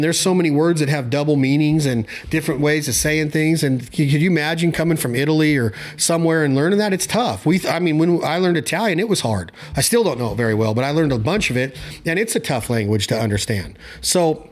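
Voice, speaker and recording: A man talking casually and at length about his views in an emphatic, blunt, rambling way, using mild slang. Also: on the high side. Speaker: hunting show host. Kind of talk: casual opinionated chat.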